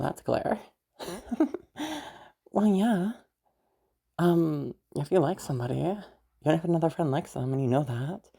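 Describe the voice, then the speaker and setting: Here the same kind of kindly, teasing young female stranger soothes an upset person, performed by a woman in a full character voice that is low, husky and warm. It plays as one half of an improvised-sounding intimate audio roleplay, with hesitant delivery, frequent chuckles and casual swearing.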